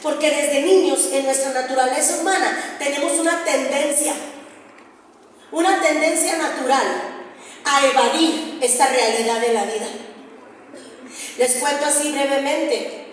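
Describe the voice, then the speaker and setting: A woman's voice: sits high, a little slow, long pauses, slight background noise. A middle-aged woman preaching earnestly to a women's group and having them read along. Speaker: preacher and singer. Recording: echoey hall, distant mic, faint ambience.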